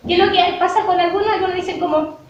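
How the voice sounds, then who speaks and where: A Chilean woman with a very high, bright-toned voice lectures in a university hall, talking students through her points and answering her own rhetorical questions. She is picked up from far off, so her voice comes through roomy and echoing. The sound is dull and lo-fi, with a faint hiss underneath. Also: fairly even intonation, fast talker. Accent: Chilean Spanish. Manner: explanatory, poses rhetorical questions and answers them.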